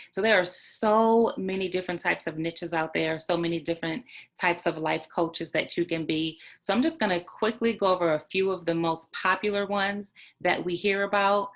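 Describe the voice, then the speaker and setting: Female coach-trainer, lowish voice, emphatic teaching style, keeps repeating points and checking in with the listener. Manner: emphatic, repeats key points with "right?" and "okay?". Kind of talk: online training talk.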